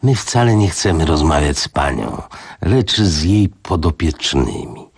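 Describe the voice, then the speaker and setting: Man doing a gentle older gentleman, low quiet voice, slow, polite, gravelly, audiobook. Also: expressive, no room sound, studio quality, full character voice. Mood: silky. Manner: soft, gentle, unhurried. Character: mild, ingratiating older gentleman investigator.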